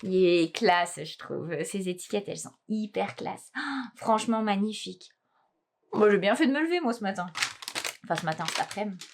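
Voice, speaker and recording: A woman vlogging casually about knitting gifts, gushing and exclaiming, often trailing off into soft murmurs. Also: mid-range voice, lively intonation, normal speed, vocal fry. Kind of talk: casual unboxing chat.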